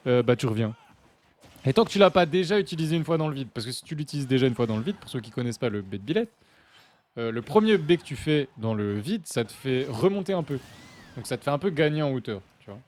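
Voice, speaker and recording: A young man from France casually commentating a live fighting-game match, chatty and joking with his chat, with sudden bursts of excitement. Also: mid-range voice, quick pace. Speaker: esports commentator and stream host.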